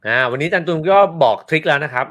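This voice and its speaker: A man's voice: a little high, racing, fairly bright tone. A man hosting a casual interview, enthusiastic and teasing his guest. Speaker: host.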